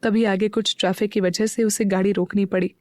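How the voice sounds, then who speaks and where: A woman narrating an audio story in a slow, even storytelling manner. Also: mid-range voice, no echo, studio quality. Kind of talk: scripted narration.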